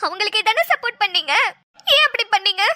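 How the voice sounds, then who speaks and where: A woman's voice: very high voice, expressive, quick pace, sharp tone, heavily acted. A woman voicing a tearful young bride. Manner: tearful pleading complaints. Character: young newlywed wife, emotional and hurt. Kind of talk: Tamil cartoon drama voice acting.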